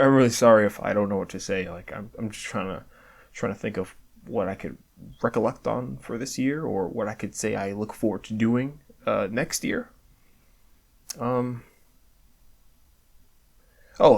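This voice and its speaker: A man's voice: medium pitch, vocal fry. A man giving a candid year-end reflection, stammering and restarting often, swearing casually, earnest and self-deprecating. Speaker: video creator.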